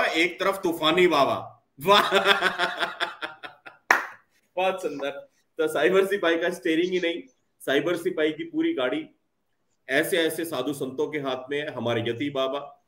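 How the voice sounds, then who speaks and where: A man's voice: on the high side, fairly bright tone, reverberant. A man hosting a live stream, reading viewer comments aloud in a respectful, effusive manner.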